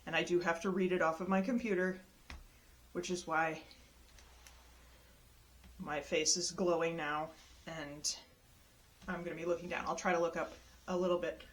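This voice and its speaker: Animated woman telling a story. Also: normal speed, long pauses. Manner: animated, acts out quoted people with jumps in pitch; exasperated retelling of a travel mishap. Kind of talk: casual spoken storytelling.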